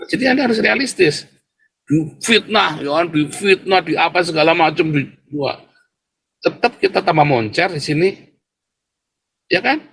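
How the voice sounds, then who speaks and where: This male livestream host has a slightly high, expressive voice that is husky, creaky and fairly bright, delivered at normal speed with frequent pauses. In his commentary he keeps talking straight to viewers, taunting and provoking them with scornful laughter.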